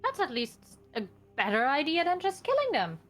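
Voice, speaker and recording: A woman's voice: sits high, wildly swooping pitch, normal speed, faint music behind. A woman talking casually as a player in a tabletop role-playing game.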